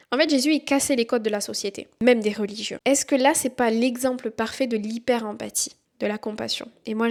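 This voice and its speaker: A young woman hosting a podcast on faith, talking earnestly and encouragingly and reading verses aloud. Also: on the high side. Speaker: podcast host.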